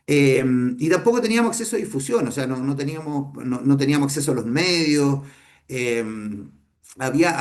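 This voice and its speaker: Teaching a class, a middle-aged Chilean man who owns a business speaks with a gravelly, slightly mellow voice pitched in the male mid range. Spanish is his first language and his accent is Chilean. He takes his time, thinking out loud and often pausing to rephrase with fillers and restarts.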